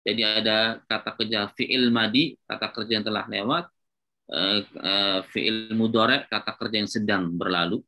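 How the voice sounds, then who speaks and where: Bright-toned male Arabic grammar teacher. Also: lowish voice, steady tone, normal speed. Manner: patient, repetitive, checks with students often. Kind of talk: classroom lecture at a whiteboard.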